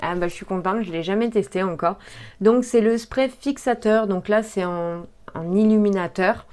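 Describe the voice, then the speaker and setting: A woman talks her viewers through an unboxing in a casual, chatty way. She often hesitates and fills pauses as she goes, in an easy vlog tone. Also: mid-range voice, darkish tone. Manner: chatty, hesitant, many fillers. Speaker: beauty vlogger.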